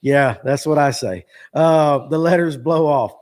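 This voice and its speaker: A man in his forties hosts a casual fishing chat. His voice sits a bit high, and he rambles and jokes with plenty of fillers. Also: measured pace, darkish tone. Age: 40s. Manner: rambling, joking, lots of fillers. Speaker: show host. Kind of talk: casual live-stream chat.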